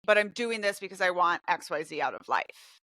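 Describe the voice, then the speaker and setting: Woman podcast host, bright tone, dry close sound, chatty and candid about her own life. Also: lowish voice, brisk, no room sound. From Brazil and Mexico. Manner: candid, animated personal storytelling. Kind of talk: casual chat.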